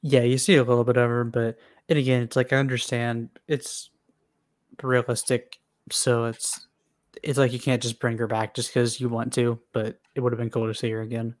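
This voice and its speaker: A man's voice: mid-range voice, flat delivery, normal speed. A young man co-hosting a casual film review podcast, sharing trivia between fillers. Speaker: podcast co-host.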